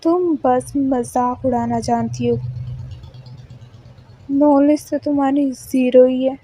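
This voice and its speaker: Kabir, a serious, short-tempered young college topper voiced by a woman, scolding indignantly. The voice is high and mellow, and the lines come at a slow pace. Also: steady tone, a little hiss or hum. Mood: annoyed.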